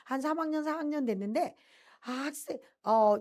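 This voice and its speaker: A woman's voice: high-pitched, moderate pace. A middle-aged woman pastor giving a personal testimony sermon, telling her story with rising emotion. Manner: animated storytelling, swells with emotion.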